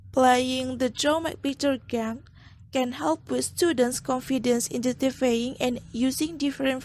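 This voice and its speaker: Slow, high-voiced young woman presenting. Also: dry recording. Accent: Indonesian. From Indonesia. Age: young adult. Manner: slow, careful reading with restarts. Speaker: student presenter. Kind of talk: reading a class presentation.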